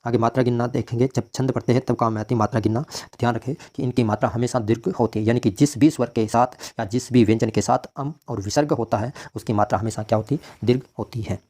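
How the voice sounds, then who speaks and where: Mellow-voiced male teacher lecturing. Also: medium pitch, fairly even intonation, quick pace, few pauses. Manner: asks questions and answers them himself; repeats key points for emphasis. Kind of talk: classroom grammar lecture.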